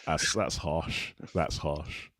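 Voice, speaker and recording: A young man hosting a casual chat, asking quick, jokey, teasing questions. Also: rumbling low, fairly even intonation, fairly bright tone, no room sound, clean studio sound. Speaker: host.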